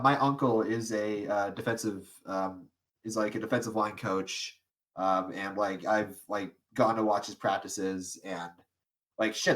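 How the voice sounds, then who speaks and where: A young man with a fairly low, slightly bright voice co-hosts a casual podcast. He rambles through the chat, full of fillers and restarts, and laughs a lot.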